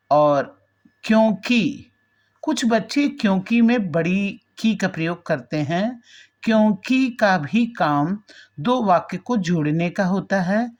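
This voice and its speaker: A woman's voice: mid-range voice, muffled recording. A woman teaching a language lesson, patiently explaining spelling and repeating words aloud to demonstrate how they sound. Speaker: Hindi teacher.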